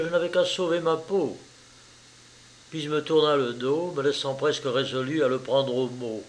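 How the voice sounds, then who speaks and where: Slow, measured male audiobook narrator. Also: mid-range voice. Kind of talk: scripted narration.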